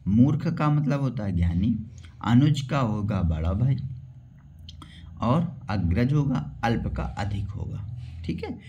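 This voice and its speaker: A man's voice: medium pitch, expressive, takes it slowly, dark tone, highs cut off, a little hiss or hum. A man teaching an exam-prep lesson, explaining step by step and repeating each question and answer back to his viewers. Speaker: Hindi teacher.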